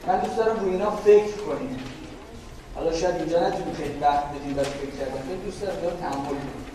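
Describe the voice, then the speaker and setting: A man giving a slow, deliberate classroom lecture, explaining step by step and acting out everyday dialogue. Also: on the high side. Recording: echoey room, mic far off, background noise.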